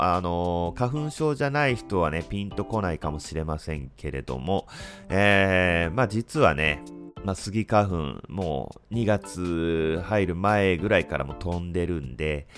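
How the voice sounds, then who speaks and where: A man in his thirties talks in a low, stuffed-up nasal voice, like someone with a blocked nose. He chats casually and haltingly as a solo podcast host. Faint guitar music plays behind him. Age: 30s. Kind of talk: casual solo chat with frequent pauses.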